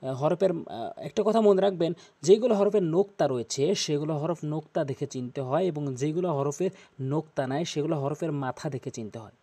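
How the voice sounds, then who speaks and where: A man teaching Quran recitation, repeating each Arabic letter slowly to show how it is said. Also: fairly high pitch, expressive, dark tone, breathy edge. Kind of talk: tutorial on pronouncing Arabic letters.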